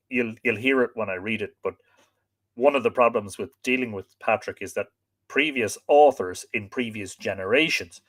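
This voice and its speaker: A man's voice: fairly low pitch, fairly bright tone. A man with an Irish accent and a lilting, storyteller-like delivery, chatting informally as host of a livestream. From Ireland. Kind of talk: informal livestream chat, reading out viewer greetings.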